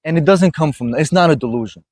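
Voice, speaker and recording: A man's voice: on the high side, expressive, fast talker, a little mellow, slightly rough, no echo. A man from Iraq hosting a casual motivational conversation, earnest and often checking in with "you know what I mean". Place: gym.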